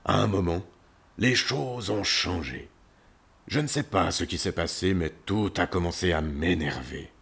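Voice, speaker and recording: A man's voice: deep voice, unhurried, vocal fry, a bit bright, husky, exaggerated voice. A man voicing a grumpy, lonely male lion, the king of the animals, who talks in a sulky, growling way in a children's story.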